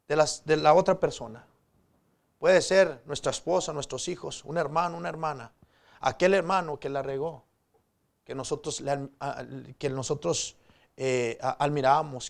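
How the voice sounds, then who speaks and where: Guy preaching, pretty high voice, gets loud pleading then drops quiet, keeps saying brothers. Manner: swings between loud pleading and low quiet asides; addresses the congregation as "hermanos" often. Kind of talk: sermon.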